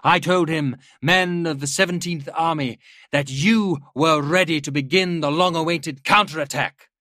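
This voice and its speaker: In this war audiobook, a man voices a proud older general, his pitch raised well up as if calling across a parade ground. The stern, commanding oratory is rousing and declamatory, pushed and bright, at normal speed. The recording is close and dry, with no echo.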